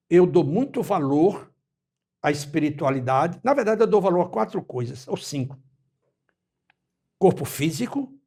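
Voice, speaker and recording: A man in his eighties from Brazil, speaking as an interview guest in a measured, reflective way and quoting scripture and proverbs. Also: a little high, a little mellow, husky. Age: 80s. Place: his home.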